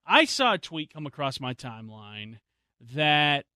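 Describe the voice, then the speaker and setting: A man hosting a sports talk show, giving his opinions in animated, casual chat on a studio mic. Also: a little high, measured pace, clean tone, no room sound. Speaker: sports radio host.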